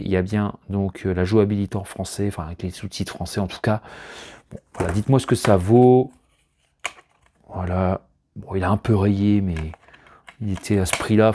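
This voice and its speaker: A man's voice: medium pitch, a little mellow, slight background noise. A man casually showing off his collection finds at home, rambling and hesitant, often chuckling. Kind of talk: casual unboxing chat to camera. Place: room at home, indoors.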